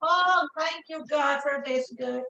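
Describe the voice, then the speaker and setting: A woman's voice: high-pitched, slow pace, pushed and bright, lo-fi sound. A native Spanish-speaking woman with a Colombian accent hosts a casual cooking demonstration, chatting informally and repeating phrases for emphasis. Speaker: cooking show host, home cook.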